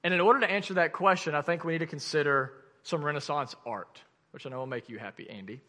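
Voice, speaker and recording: A man with an Arkansan accent preaching a sermon to a congregation, emphatic, with dramatic drops and pauses. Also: fairly high pitch, sharp tone. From Arkansas, United States. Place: large room, preaching to a congregation. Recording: long reverb of a large room.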